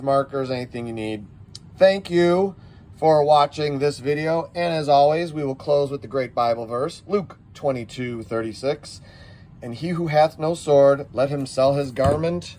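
A man's voice: mid-range voice, a little mellow. A middle-aged man running a casual product demo vlog, rambling and folksy as he talks viewers through shot results. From United States. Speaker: shop owner demoing airguns.

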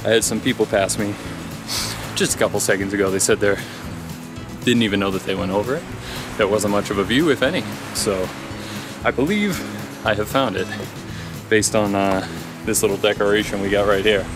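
On this casual forest-trail vlog, a man in his thirties talks into an action camera on a handheld pole in a chatty, thinking-aloud way. His voice is lowish and a little fast, with music in the background.

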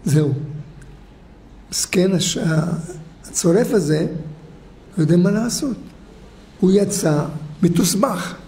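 Rabbi preaching in a synagogue, pretty high voice, punchy rhetorical questions. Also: male voice, expressive, long pauses, darkish tone, echoey room. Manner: storytelling, emphatic, rhetorical questions. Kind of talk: sermon.

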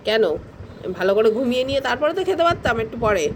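A woman's voice: on the high side, lively intonation, rapid-fire, natural voice. A woman voicing her young male pet dog, who sulks and complains about being woken early. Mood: sulky. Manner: sulky, complaining. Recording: traffic noise behind.

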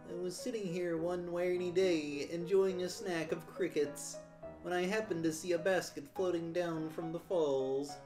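A woman's voice: fairly low pitch, fairly even intonation, lightly acted. Old male frog mentor, played by a woman, wise, patient, formal phrasing, video game dialogue, music behind. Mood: grave, kindly. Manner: measured, formal wise-mentor delivery with questioning tags. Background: plucked-string game music.

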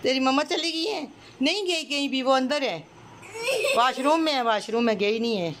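A woman's voice: high-pitched, normal speed. A woman recording a casual family vlog at home, coaxing and soothing a crying child and chatting to the camera. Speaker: family vlogger. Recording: noisy home phone recording.

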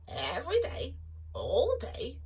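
A woman's voice: high-pitched, wildly swooping pitch, takes it slowly, a little mellow, pitched above the performer's own voice, exaggerated voice. A woman doing a cackling, squawking magic chicken. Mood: chatty.

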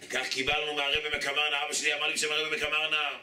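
A rabbi delivers a fervent sermon, telling stories and acting out their characters. His voice is sharp and forceful, and it sits fairly high for a man. It was recorded in an echoey hall with the mic a little way off and a faint hiss behind it. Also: monotone, recorded from a distance. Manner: emphatic, repeats appeals to the audience, acts out characters in stories. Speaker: rabbi giving a Torah lesson. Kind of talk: sermon with storytelling.

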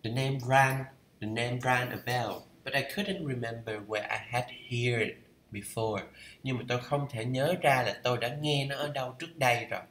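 Medium-pitched and fairly bright, a Vietnamese man's voice sounds roomy, with slight background noise. Reading a course aloud for a casual study vlog, he talks through English idioms, musing aloud and pronouncing phrases slowly to check them.

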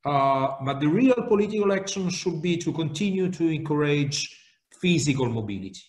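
A man's voice: a little high, darkish tone. A middle-aged man on a video call from an office, making earnest, argumentative panel remarks with frequent fillers. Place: office with bookshelves. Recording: echoey room.

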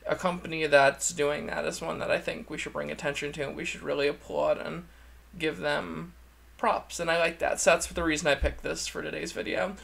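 A man with a campy, chatty drag queen manner, giving a casual, gushing video review in a creaky voice. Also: on the high side, level tone, brisk, fairly bright tone. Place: indoor room, seated at a desk.

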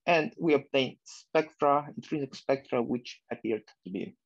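A man giving a halting academic seminar talk over a video call, with glitchy audio that keeps cutting out. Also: mid-range voice, no room sound. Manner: halting, many fillers. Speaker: seminar speaker. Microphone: remote video call. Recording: dull lo-fi call audio with dropouts.

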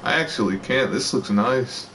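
A young man streaming a video game, chatting casually and excitably with a friend, teasing and full of slang. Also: medium pitch, moderate pace. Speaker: gaming streamer. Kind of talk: casual gaming chat. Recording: distant voice with clear background noise.

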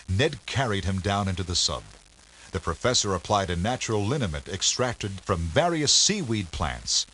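A man giving measured, scripted storybook narration for an educational game. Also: on the low side, a bit bright.

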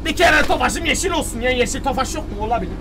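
A man streaming a game live, excitable and joking, often shouting at what happens on screen. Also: extremely high pitch, quick pace. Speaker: gaming streamer. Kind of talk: live gameplay commentary. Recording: game sounds and noise under the voice.

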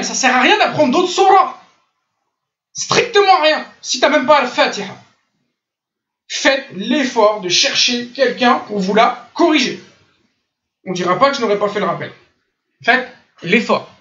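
Over lo-fi online voice chat, a French-speaking Islamic teacher uses his computer mic to give a religious lesson. His voice is extremely high, pushed and bright as he insistently corrects pronunciation by demonstrating the sounds himself.

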